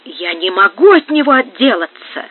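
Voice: mid-range voice, big pitch swings, moderate pace, slightly rough. The reader voicing a huge male visitor who speaks insistently and secretively, in an audiobook. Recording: narrow phone-like sound.

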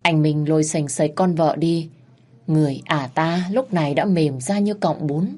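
Low-voiced woman storyteller, earthy dramatic narration. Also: normal speed, warm tone.

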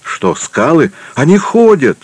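A man's voice: low voice, moderate pace, a bit bright, dry recording. A man voicing a hot-tempered male Catalan companion who swears and exclaims. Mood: alarmed.

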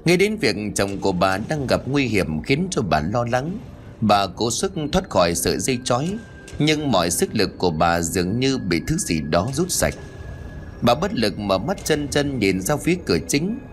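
A man narrating a ghost story in an expressive, dramatic storytelling manner. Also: on the low side, moderate pace, faint music behind.

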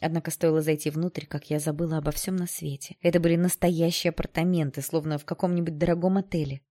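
Audiobook narrator: woman, low voice, mellow tone, expressive first-person reading. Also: quick pace. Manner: expressive, emotional storytelling.

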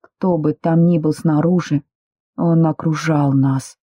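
A woman reads a first-person novel aloud with steady, expressive storytelling. Her voice is very dark and slightly husky. The sound is dry and close. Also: sits low, takes it slowly, no room sound, muffled recording. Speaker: audiobook narrator.

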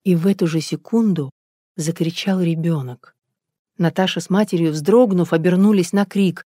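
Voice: medium pitch, moderate pace, dark tone, no room sound, studio quality. A narrator reading a story aloud as an audiobook.

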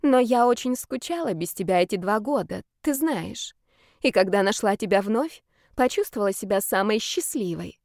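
Anxious, tearful young woman, soft and trembling, pleads in a slow, high voice; a woman reader does the voice. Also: wildly swooping pitch, gravelly, no room sound, studio quality, exaggerated voice. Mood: pleading.

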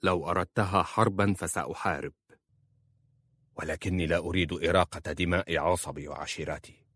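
Man as a stern desert chieftain, commanding, forceful, deep low voice, storybook, dry. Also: fairly even intonation, moderate pace, no room sound.

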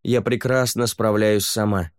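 Мужчина-чтец озвучивает суровую, закалённую воительницу-полукровку, говорящую резко и отрывисто. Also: male voice, fairly low pitch, fairly even intonation, measured pace, clear, resonant tone, no echo, clean studio sound, voice pushed up, lightly acted. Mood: harsh. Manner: blunt and curt. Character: stern, hardened half-blood woman warrior.

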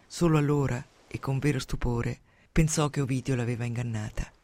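A man reading a novel aloud in a dramatic, expressive way, sinking to hushed tones at tense moments, into a close studio microphone. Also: mid-range voice, a little fast, no room sound. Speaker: reader. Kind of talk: dramatic audiobook narration.

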